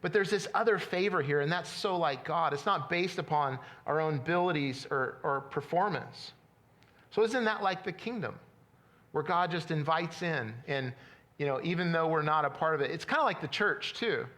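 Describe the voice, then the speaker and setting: A middle-aged male pastor delivers a sermon in a loose, conversational way. He often repeats words and restarts his sentences as he talks, and his voice sits a little higher than most men's. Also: lively intonation, normal speed, bright, forceful tone.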